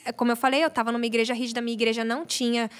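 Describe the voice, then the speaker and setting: Young woman guest on a podcast, quick and lively, acts out what she said back then. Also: on the high side. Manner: animated storyteller, acts out quoted prayers. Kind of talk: casual testimony chat.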